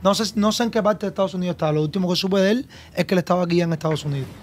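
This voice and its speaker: Dude, high voice, friendly chatter, bit of hiss. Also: male voice, very fast. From Cuba. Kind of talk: casual chat.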